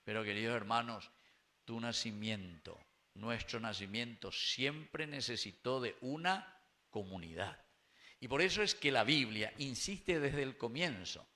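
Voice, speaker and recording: A man's voice: medium pitch, measured pace, bright, forceful tone. A man with a Paraguayan Spanish accent preaching a sermon at Mass in a small chapel, putting questions to the congregation and slipping into Guaraní words. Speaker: priest. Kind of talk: sermon at a live-streamed Mass.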